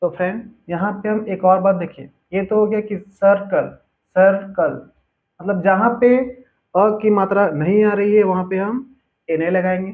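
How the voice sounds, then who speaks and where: A man teaching a spelling lesson, patiently repeating each word slowly for his students. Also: high-pitched. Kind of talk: spelling lesson over a board. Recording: tinny phone-like audio.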